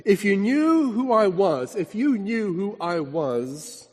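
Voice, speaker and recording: A man preacher voicing a calm, wise male teacher in a retold scene, speaking in measured, repeated phrases. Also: sits high, big-room sound, full character voice. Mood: earnest.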